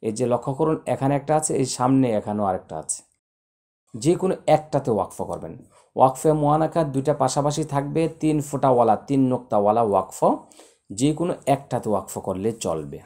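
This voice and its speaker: A man's voice: mid-range voice, expressive, quick pace, dark tone. A man teaching Quran recitation to viewers, spelling out letters and vowel marks one by one and then chanting them. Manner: addresses viewers directly. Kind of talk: spoken lesson with chanted recitation.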